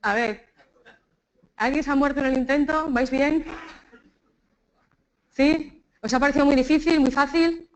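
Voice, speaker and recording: A woman's voice: sits high, unhurried, pauses often, low-quality recording. A woman with a Spanish accent from Spain, giving a live public speaking talk and leading the audience through exercises, checking in with them often. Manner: lively, keeps checking in with the audience. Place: conference room with an audience.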